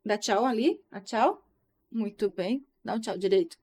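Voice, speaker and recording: A woman's voice: medium pitch, a little slow, a little mellow. A young woman in casual live-stream chat, talking to viewers and checking in with tag questions.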